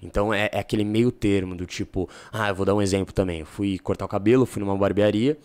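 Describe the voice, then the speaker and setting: Animated man, casual slang. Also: fast, clear, resonant tone. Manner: animated storyteller, drops into low seductive tone for examples. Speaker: guest giving dating advice. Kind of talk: casual podcast talk.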